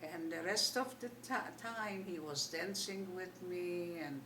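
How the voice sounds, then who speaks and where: A woman's voice: lowish voice, unhurried. Older woman with a Polish Yiddish accent, echoey room. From Poland. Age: older, 80s. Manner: animated retelling, acting out remembered dialogue. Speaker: Holocaust survivor giving testimony. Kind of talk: oral history storytelling. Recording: echoey room, distant mic, faint noise.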